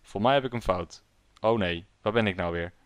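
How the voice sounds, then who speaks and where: A man's voice: lowish voice, normal speed, clean tone, no echo. A young man giving jokey, self-mocking commentary while playing a video game. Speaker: gaming YouTuber. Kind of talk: casual let's-play commentary.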